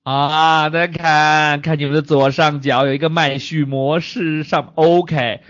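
A man hosts a casual online voice-chat show, joking with his guests and swearing freely. His voice sits a little high, and it is recorded dry and dull, like a lo-fi stream. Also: steady tone, unhurried, a bit bright, dry recording. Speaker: livestream host.

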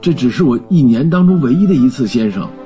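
A man voicing a timid, apologetic male office clerk in a storybook reading, pleading and stammering in a raised, husky voice. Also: mid-range voice, sing-song, fast talker, warm tone, faint music behind, voice pushed up, natural voice.

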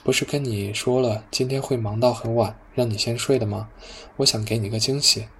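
A man reading the lines of a doting, affectionate older man in an audiobook, in a gentle tone. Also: medium pitch, steady tone, fairly quick, a little hiss or hum, lightly acted.

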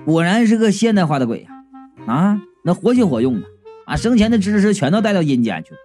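A man's voice: high-pitched, big pitch swings, fast, darkish tone, faint music behind. A man narrating a comic story in the first person, wry and playful.

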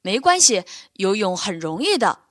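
A woman's voice: medium pitch, very animated, normal speed, dry recording, studio quality, natural voice. A woman voicing a friendly, brave little male polar bear cub who talks eagerly and reassuringly in a bedtime storybook.

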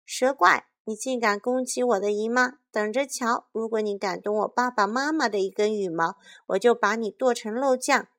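A woman voicing a brave, hot-tempered young hen girl in a storybook, shouting defiantly. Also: on the high side, moderate pace, few pauses, pitched above the performer's own voice, natural voice. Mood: furious.

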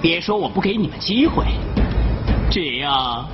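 A man's voice: fairly high pitch, sing-song, unhurried. An actor playing an arrogant, bullying young nobleman in a period drama, sneering and leering. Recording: lo-fi TV drama audio with loud music and crowd.

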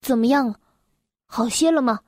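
A woman voicing a brave young boy who shouts urgent warnings. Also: a little high, moderate pace, no echo, clean studio sound, natural voice. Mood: gentle. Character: brave young boy, frightened but bold.

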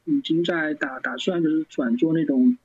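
Man, husky, fairly high voice, stammers and restarts, casual interview guest, dull lo-fi recording. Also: darkish tone. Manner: halting, many stammered restarts. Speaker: guest, fan site founder. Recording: dull lo-fi sound.

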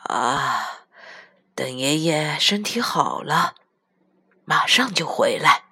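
A woman putting on a contented old grandpa, deep-set low voice, very slow drawn-out murmur, storybook reading. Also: expressive, bright, forceful tone, breathy edge, no room sound, studio quality, heavily acted. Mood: tender.

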